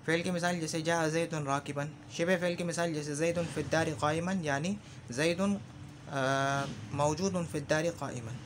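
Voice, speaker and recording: A man teaching Arabic grammar in a lesson, slowly repeating example phrases and often checking that the listener follows. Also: on the high side, fairly even intonation, background noise. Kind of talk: explanatory lesson.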